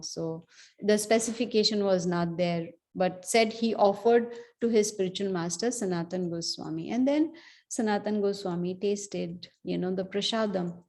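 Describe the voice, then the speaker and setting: Medium in pitch with a darkish tone, this woman teaches a scripture class. She narrates the story in a conversational manner, wandering into asides and repeatedly dropping in "you know."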